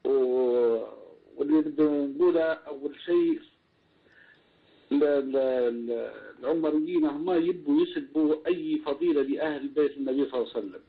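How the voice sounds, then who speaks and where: A man's voice: a little high, normal speed. Libyan man calling a radio show by phone. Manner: effusive, reverent. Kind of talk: phone-in call to a live show. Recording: tinny narrow phone line.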